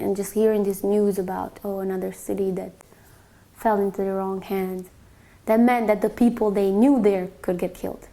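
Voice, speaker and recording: Young woman, from Bosnia, gravelly tone, mid-pitched, reflective, soft-spoken testimony. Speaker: interviewee. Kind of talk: personal testimony.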